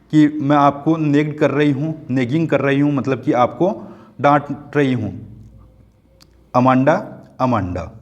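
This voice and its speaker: A man's voice: medium pitch, darkish tone, dull audio. A man with an Indian accent teaching a classroom lesson on a poem, patiently repeating himself and checking that students follow. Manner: patient, repetitive, keeps checking students understand. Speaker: school teacher.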